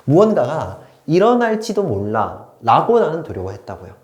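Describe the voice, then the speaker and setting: Lively male grammar teacher, echoey room. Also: on the high side, normal speed. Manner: lively, switches between polite and casual speech, asks learners if they follow. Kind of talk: online grammar lecture.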